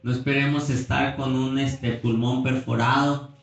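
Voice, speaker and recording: A man preaching a Pentecostal sermon, emphatic, rising to near-shouting when he reads Scripture, recorded on a phone from the back of a church. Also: mid-range voice, flat delivery, measured pace, dull audio. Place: church hall. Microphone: phone camera at a distance. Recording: echoey church, phone from far off.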